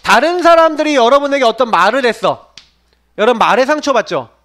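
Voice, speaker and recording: Extremely high-pitched and animated, the pastor's fairly quick, somewhat bright voice drives a sermon for young people. Question follows question to the listeners, and he acts out each quoted line.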